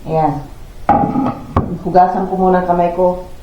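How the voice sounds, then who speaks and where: A woman from Pangasinan, Philippines, speaks with a Pangasinan accent in a lowish, level voice, a little slowly. In casual vlog narration from her home kitchen, she rambles chattily while making coffee and doing chores, narrating as she goes. The recording sounds roomy and dull, lo-fi with faint noise.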